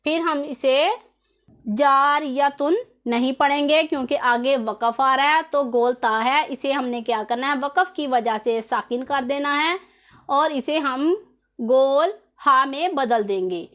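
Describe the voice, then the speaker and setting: A woman's voice: high voice, measured pace. A woman teaching Quran recitation rules in an online tutorial, explaining patiently step by step and repeating each rule.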